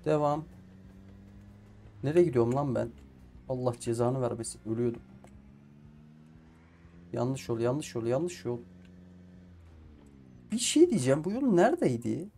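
A man's voice: mid-range voice, very animated, unhurried, vocal fry, long pauses, dark tone, a little hiss or hum. A man playing a survival game and commenting casually, swearing at the game and talking to himself and the characters on screen. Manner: frustrated, swears at the game often. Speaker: gameplay streamer. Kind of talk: casual let's play commentary.

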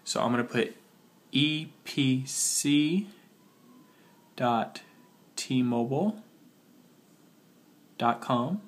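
Slightly muffled man, sick, giving a tutorial. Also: medium pitch. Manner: talking while working on a phone, spelling things out slowly. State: sick with a cold. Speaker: tutorial host. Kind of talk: casual step-by-step phone tutorial.

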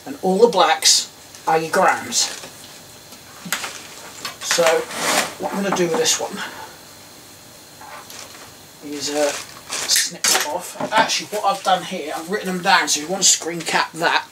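This middle-aged host from England talks through a DIY electronics project in a relaxed, hands-on way, thinking out loud and wandering off-topic in a small indoor workroom. His pitch is fairly high, his pace measured, and he pauses often. Some background noise is audible, and the mic sits at a distance.

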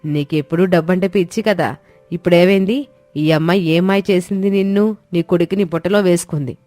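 A woman's voice: lowish voice, fairly even intonation, brisk, mellow, no room sound, faint music behind, natural voice. Woman doing a sneering rich aunt. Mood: taunting. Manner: taunting, sarcastic. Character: proud rich middle-aged woman, the sharp-tongued younger sister.

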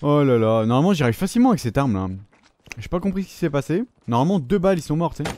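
A man commentating his own gameplay, excitable, swearing often and yelping at the game, talking with his mouth full. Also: fairly high pitch, racing. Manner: excitable, swears a lot, shouts and yelps at the game. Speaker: gaming YouTuber.

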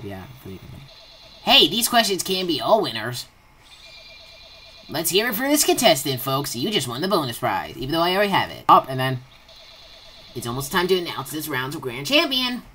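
Low-voiced, excitable woman gamer. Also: moderate pace, pauses often, husky. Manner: excitable, blurting outbursts. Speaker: gamer recording gameplay. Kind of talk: excitable gameplay commentary, reading game dialogue aloud.

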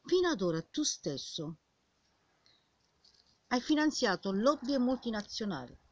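An old woman speaks in a rough, husky voice with very animated pitch. She scolds the listener in an informal, indignant monologue, piling up questions and repeating herself. The sound is slightly dull and lo-fi. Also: unhurried. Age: older. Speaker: vlogger. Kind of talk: impassioned informal monologue addressed to the viewer.

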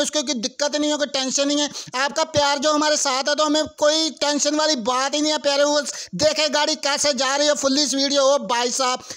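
A young man with a Pakistani Urdu accent giving chatty, excitable commentary over a car stunt game, often calling out to his viewers. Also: very high voice, clear, resonant tone. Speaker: gaming channel host. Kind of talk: casual gameplay commentary.

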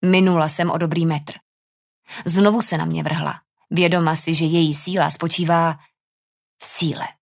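A woman's voice: low voice, steady tone, vocal fry, pauses often. A woman narrating a first-person fantasy audiobook with a tense, dramatic delivery.

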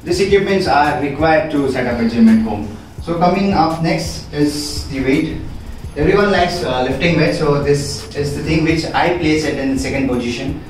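A man in his thirties talks through fitness equipment as a trainer, calmly explaining each item. His voice bounces around a small, very echoey room. He stands away from the camera mic, so he sounds distant. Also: a little high, moderate pace, slight background noise. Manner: explanatory, repeats "we do have". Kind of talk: equipment walkthrough. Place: small room in a home gym.

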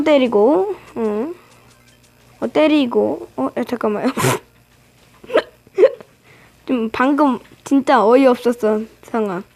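High-voiced woman narrating her gameplay. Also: a little mellow, low-quality recording. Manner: playful, teasing trash talk at opponents. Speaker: gaming channel host. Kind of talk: live game commentary.

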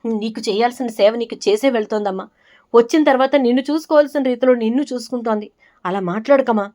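A woman's voice: fairly high pitch, quick pace, mellow, close to an everyday voice. Woman voicing an earnest pleading son. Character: grown son, pleading and reasoning with mother.

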